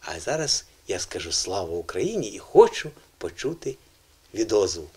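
A middle-aged man presenting a lively language segment on television, quizzing children and repeating words in a teacherly way. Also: low voice, normal speed, husky.

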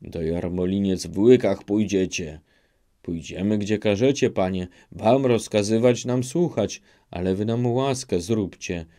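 A man's voice: fairly low pitch, mellow, lightly acted. A man doing a humble old peasant elder. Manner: pleading, bowing, rustic speech.

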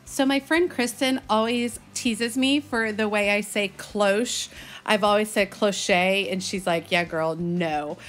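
At a slow pace, a woman in her thirties from Texas narrates a casual gardening vlog for her channel, sounding enthusiastic, chatty and folksy in her Texan accent. Her medium-pitched voice is a bit bright, and faint music plays behind her.

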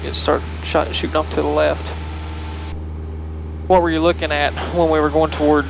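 A man's voice: on the high side, flat delivery, normal speed. A middle-aged man, a flight instructor, coaching casually over a pilot headset intercom. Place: small propeller plane cockpit in flight. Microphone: aviation headset boom mic. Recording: headset intercom with clear engine noise.

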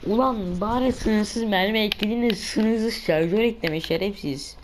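A woman's voice: mid-range voice, unhurried, background noise. A woman giving let's play commentary, exasperated and cursing at enemies. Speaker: gamer playing a survival shooter.

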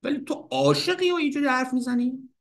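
An indignant wife scolds her husband with exasperated teasing, as a man puts her on. The voice rides noticeably higher than his usual speech and stays playful, with a mocking tone behind the complaints. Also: vocal fry.

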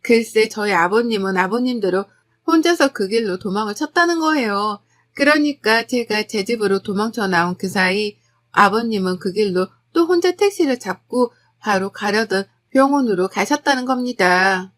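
A woman's voice: mid-range voice, expressive, moderate pace. Woman narrating a gossipy family story. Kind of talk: scripted first-person narration.

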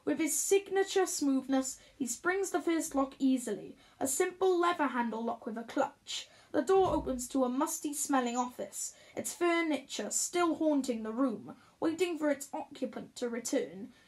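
A woman narrating a first-person story in a measured, expressive reading. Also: high-pitched. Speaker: audiobook reader.

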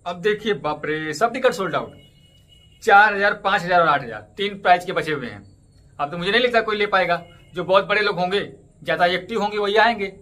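Brisk, bright-voiced man chatting to camera. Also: sits high, lively intonation. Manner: chatty, repeats channel plugs, walks through app steps. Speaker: cricket ticket update YouTuber. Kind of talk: casual tutorial vlog. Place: indoors in front of a green screen stadium backdrop.

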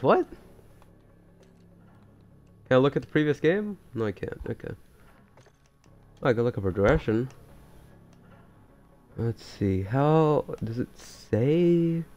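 A man giving casual, excitable commentary while playing a shooter game, swearing and thinking aloud. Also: mid-range voice, lo-fi sound. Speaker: gamer.

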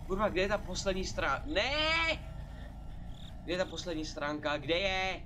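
A young man streaming a horror game, cursing loudly and yelling when scared. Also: sits high. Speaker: gaming streamer. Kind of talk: live gameplay commentary. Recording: noticeable background noise.

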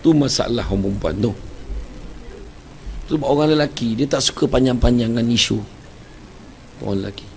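A man with a Malaysian Malay accent preaching a humorous sermon, telling jokes in a lively storytelling manner. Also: medium pitch, normal speed, pauses often, slight background noise. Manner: joking, animated storytelling.

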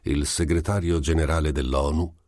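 A man reading a literary short story aloud as an audiobook, in a measured, dramatic storytelling manner. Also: rumbling low, steady tone, a little mellow, dry recording, studio quality. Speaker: audiobook reader. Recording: amateur home recording.

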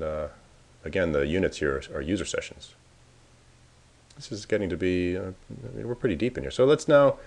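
Here a man with a bass voice, slightly mellow, narrates a laid-back screencast tutorial. He's a software presenter doing a demo and muses aloud informally while working.

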